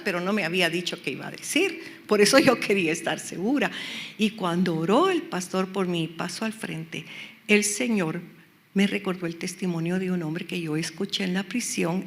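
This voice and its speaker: A woman's voice: medium pitch, slight background noise. A middle-aged woman, telling a testimony in a sermon and dropping to a whisper when quoting God. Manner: storytelling, drops to a whisper for God's words. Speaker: preacher.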